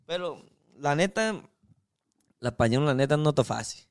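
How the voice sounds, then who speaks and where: A man's voice: on the high side, animated, normal speed, clean tone. A young Chinese man chatting as a guest in broken, slangy Spanish full of restarts. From China. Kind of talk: casual interview chat.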